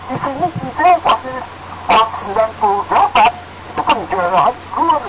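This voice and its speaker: A man from Indonesia speaks spontaneously as a radio caller. He is emphatic and admiring in his delivery. The phone recording is full of loud noise. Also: very high voice, expressive, brisk. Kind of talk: spontaneous call-in opinion. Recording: very noisy telephone call.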